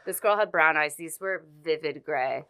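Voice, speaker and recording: A young woman, a podcast guest, telling a story in a halting, earnest way full of restarts. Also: low voice, bright, forceful tone, smooth, no room sound. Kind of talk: casual storytelling.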